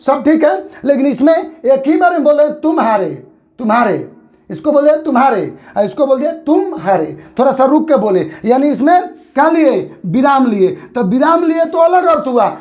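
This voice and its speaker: High-voiced teacher drawing words out. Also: male voice, sing-song, darkish tone, highs cut off. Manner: repeats words slowly to show pauses. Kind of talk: grammar lesson.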